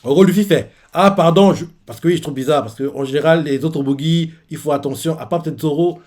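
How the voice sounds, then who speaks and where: A man's voice: fairly high pitch, mellow. Hesitant man reading manga aloud. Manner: hesitant, many fillers, reads character lines in quick bursts. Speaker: manga reaction host. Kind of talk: casual live reading and commentary.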